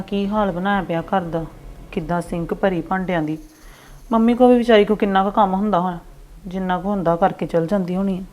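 A woman playing a gentle young sister who speaks softly and pleadingly to her family. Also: medium pitch, close to an everyday voice. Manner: soft, pleading.

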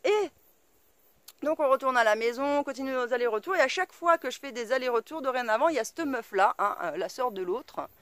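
A woman's voice: sits high, expressive, a little fast, fairly bright tone. A woman vlogger casually telling a story to her viewers, blunt and colloquial, swearing freely and full of fillers. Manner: chatty, full of fillers and asides. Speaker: off-grid vlogger.

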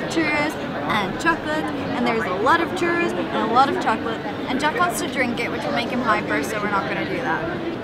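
A woman's voice: high voice, expressive, brisk, a loud crowd. A young woman chatting casually to a handheld camera as a travel vlogger, laughing easily while out on city streets. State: tired. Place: outdoors on city streets at night. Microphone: handheld camera at arm's length. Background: music.

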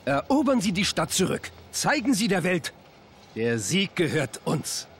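An actor playing a stern, resolute middle-aged government leader in a video game cutscene. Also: male voice, high voice, sing-song, a little slow, fairly bright tone, slight background noise, full character voice. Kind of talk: scripted game cutscene acting.

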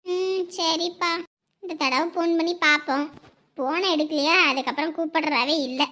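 Woman as high, sulky young daughter, cartoon. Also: fairly even intonation, moderate pace, pushed and bright. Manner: weary, sulky complaining.

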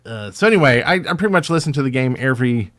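A man's voice: mid-range voice, animated, quick pace, a bit bright. A man, co-hosting a podcast in casual chat and rambling with many fillers. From Alabama, USA. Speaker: podcast co-host.

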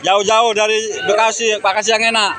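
A man's voice: high voice, level tone, fairly quick, heavy background noise. A man with an East Javanese accent chats casually with vendors outdoors as he films, often repeating his phrases. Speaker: market vlogger. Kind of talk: casual chat with vendors while filming. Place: open-air fruit market. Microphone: handheld camera or phone, speaker off camera. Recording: busy outdoor market crowd.

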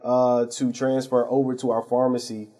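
A man speaks as a guest on a local TV talk show, explaining things earnestly with many fillers and restarts. His voice is dark and a little husky. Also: medium pitch, flat delivery, normal speed. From St. Louis area. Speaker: pharmacy owner, guest. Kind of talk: TV interview.

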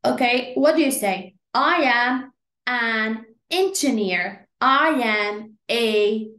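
Woman teaching English slowly. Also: on the high side, expressive, a bit bright, roomy sound. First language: Arabic. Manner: switches between slow English and rapid Arabic explanation. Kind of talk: online beginner English lesson.

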